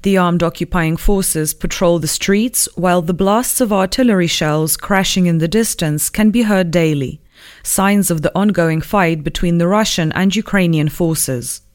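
Woman reading scripted radio news. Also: on the low side. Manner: measured, formal read. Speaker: radio program presenter.

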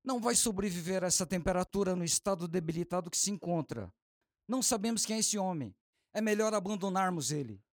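An actor playing a pessimistic, distrustful sailor in a radio drama. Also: male voice, high-pitched, animated, quick pace, no echo, clean studio sound. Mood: grim, dismissive.

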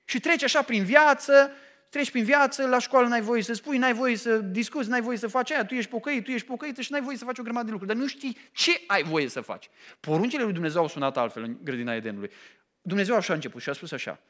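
A middle-aged man preaching a sermon, emphatic and animated, often pausing to ask his listeners questions. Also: very high-pitched. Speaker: pastor.

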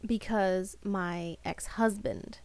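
Woman podcast co-host, casual and chatty, mid-pitched voice, lots of fillers. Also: fairly even intonation, slow, darkish tone, smooth, no room sound. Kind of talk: casual chat.

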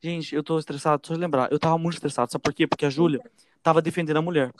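A young man, telling a story casually to friends in a lively, chatty way. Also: fairly high pitch, noisy background. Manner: fast, animated, addresses listeners as gente and velho.

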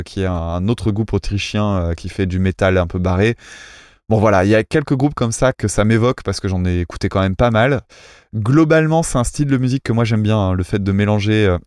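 A man's voice: lowish voice, a little mellow, no echo, studio quality. A man co-hosting a casual music chat, critiquing cover songs in a technical, self-mocking way with lots of fillers. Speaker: podcast co-host reviewing cover songs.

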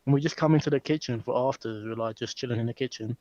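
Young guy, casual podcast co-host, mid-pitched, slightly muffled on a dry mic. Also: very fast, mellow, no echo. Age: young adult. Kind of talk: casual chat.

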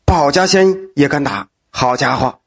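A man storytelling a folk tale in an animated, exclaiming manner. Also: medium pitch, a little slow, creaky.

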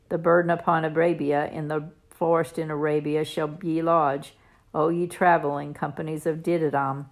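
A woman reading the Bible aloud in a solemn, measured, declamatory way, in archaic King James wording. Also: deep voice. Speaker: scripture reader.

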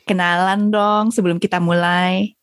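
A woman hosting a podcast, introducing the episode in a calm, measured way. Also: lowish voice, clear, resonant tone, dry recording, studio quality. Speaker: podcast host.

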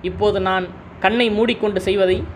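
Story reading: man voicing a cunning schemer, slow calm taunts, fairly high voice. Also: slight background noise, lightly acted. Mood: taunting. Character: sly scheming man goading a simpleton.

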